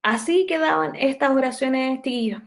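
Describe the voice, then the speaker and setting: A young woman teaching English grammar in an online class, explaining patiently step by step and slowing down to dictate sentences. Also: sits high, poor audio.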